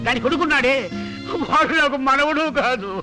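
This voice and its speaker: A man's voice: extremely high pitch, fairly quick, over music, rough recording. An actor playing a proud, stern older father in a dubbed film drama, speaking emphatically.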